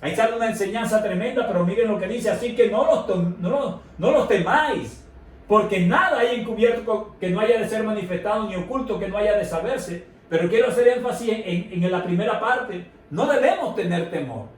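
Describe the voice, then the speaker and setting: A man preaching a sermon as pastor, stressing his points with slow, emphatic repetitions. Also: high voice, lively intonation. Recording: echoey room, from far off.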